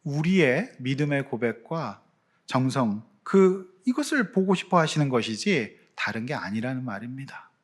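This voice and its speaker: A man preaching a Sunday sermon as pastor, animated, with sudden loud swells. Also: mid-range voice, normal speed, breathy edge.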